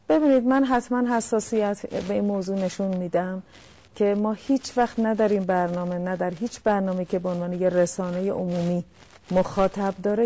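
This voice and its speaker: A woman counselor talks through family communication in a calm, explanatory way, turning now and then to speak straight to the listeners. Her voice is mellow and warm, and the broadcast sound is dull and lo-fi. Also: mid-range voice. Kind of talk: talk-show advice.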